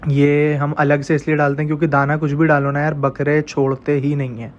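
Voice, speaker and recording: Feeding his goats and chickens, a home vlogger chats and sweet-talks the animals as he goes. He sounds congested, with a fairly high, flat voice at a moderate pace, and the recording has its highs cut off plus a faint hiss or hum.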